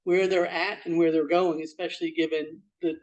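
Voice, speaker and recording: A woman running a member meeting and calling on groups, brisk and directive. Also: low voice, little pitch movement, a little mellow, distant mic, lo-fi sound. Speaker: meeting facilitator.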